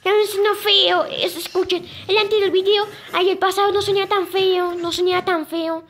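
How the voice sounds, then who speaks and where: A young girl casually presenting sound clips, pausing often and repeating "listen" and "I mean". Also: extremely high pitch, level tone, fairly bright tone. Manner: halting, repeats "escuchen" and "o sea". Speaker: video creator presenting moon sounds.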